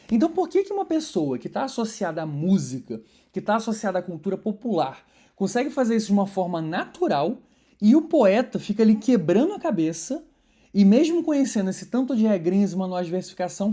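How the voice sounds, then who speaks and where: A woman's voice: medium pitch, warm tone. A woman teaching an online poetry course, explaining in a conversational way and stressing syllables as she scans verses.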